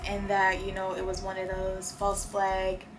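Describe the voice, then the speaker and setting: A woman talking casually in an animated, slangy, emphatic way, like a host chatting with a friend. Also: mid-range voice, measured pace. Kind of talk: casual chat. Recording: music playing behind. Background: music.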